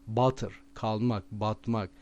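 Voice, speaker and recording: A man with a Turkish accent teaching vocabulary with memory tricks, repeating each word slowly and stressing it. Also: on the low side, fairly even intonation, darkish tone, highs cut off. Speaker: language teacher.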